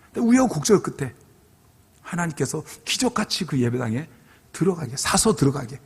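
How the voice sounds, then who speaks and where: A man's voice: fairly high pitch, very animated, fairly quick, husky. A middle-aged male pastor giving a revival sermon as a personal testimony, telling his story earnestly and acting out his own past pleas. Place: church sanctuary. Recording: long hall reverb.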